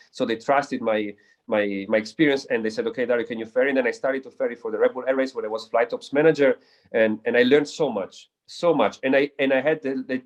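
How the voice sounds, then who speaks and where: A man with a medium-pitched voice speaks as an air race pilot in a casual interview. Earnest and reflective, he often stumbles and repeats words as he searches for them.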